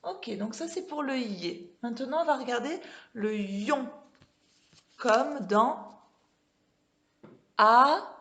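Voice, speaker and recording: A primary school teacher runs a home-schooling reading lesson for small children in a classroom with a board, sounding out words with careful, stretched pronunciation. Her slightly high voice has lively intonation, and she speaks unhurriedly. She pauses often to ask the children questions and check they're following.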